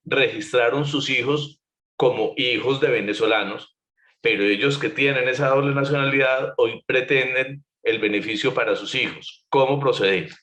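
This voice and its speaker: A man's voice: medium pitch, normal speed, pushed and bright. A man with a Colombian accent moderating a conference Q&A, politely reading out submitted questions and summing them up. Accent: Colombian Spanish. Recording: roomy online conference audio.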